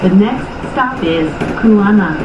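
A woman making a recorded onboard train announcement over the loudspeaker in a calm, even, formal way. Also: unhurried. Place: inside a moving train car. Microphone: camera recording the cabin speaker from a distance. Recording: echoey train car, distant speaker, muffled, loud rumble.

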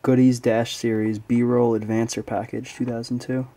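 Flat-voiced man exploring quietly. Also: medium pitch, moderate pace, slight background noise. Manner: quiet, flat, offhand remarks. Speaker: urban explorer filming a walkthrough. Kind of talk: casual exploring commentary. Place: inside an abandoned speedway building.

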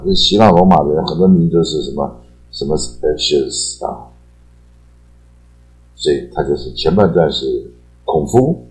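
A man giving a casual, chatty English vocabulary lesson. He repeats key words and ends his phrases with a drawn-out particle. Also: rumbling low, darkish tone, rough recording. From Taiwan. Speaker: English teacher. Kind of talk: casual explanatory lecture.

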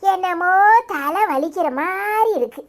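A woman's voice: very high voice, measured pace, voice pushed down. Woman voicing a weary old village grandmother. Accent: Tirunelveli Tamil. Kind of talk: cartoon voice acting.

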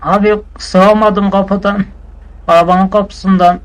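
A man's voice: sits high, little pitch movement, smooth, voice pushed up, low-quality recording. A man voicing a dim-witted young male gang sidekick who whines and draws out his complaints in a raised, plaintive voice. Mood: whiny. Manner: whining, drawn-out complaints.

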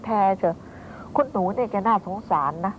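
An actress playing a fretful, kindly old nanny who scolds and fusses in a clucking way, in a TV drama. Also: female voice, medium pitch, a little fast, slight background noise, natural voice, low-quality recording. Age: older. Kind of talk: TV drama acting.

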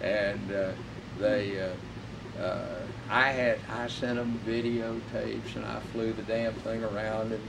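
A man's voice: on the low side, flat delivery, slow pace, gravelly. A man who restored and flies a warplane, talking casually, swearing freely and rambling with fillers, recorded in a hangar. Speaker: warbird restorer and pilot. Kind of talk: casual conversation. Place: aircraft hangar. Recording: distant mic with background noise.

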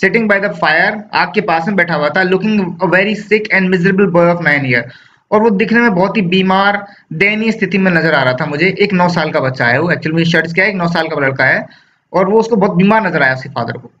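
High-voiced Indian man teaching literature. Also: moderate pace, a bit bright. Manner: mixes Hindi and English, reads English lines then explains them. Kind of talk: lecture explaining a story. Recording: dull lo-fi sound with faint noise.

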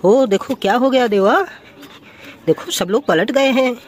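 A woman's voice: fairly high pitch, a little slow, a little mellow, slight background noise. A woman narrating a toy play video for children, exclaiming and sing-song, full of "wow" and "oh no".

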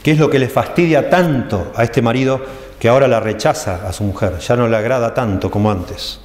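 Preacher in an echoey church hall. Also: male voice, mid-range voice. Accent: Rioplatense Spanish. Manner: explanatory, reads texts aloud slowly and stresses phrases. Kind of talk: church teaching sermon.

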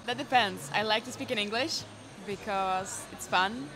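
A young Czech woman chats in English during a casual interview in an indoor cafe, occasionally searching for words, her Czech accent audible. She speaks into a handheld microphone at medium pitch and normal speed, with music playing in the background.

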